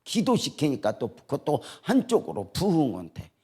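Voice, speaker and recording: A male pastor delivers a revival sermon, his somewhat high voice climbing and falling in wide, lively swings. He drops to near whispers for quiet moments and then surges back up with feeling. The sound comes from inside a church sanctuary. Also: normal speed, breathy edge. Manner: swings between hushed quoted dialogue and rising emotional preaching.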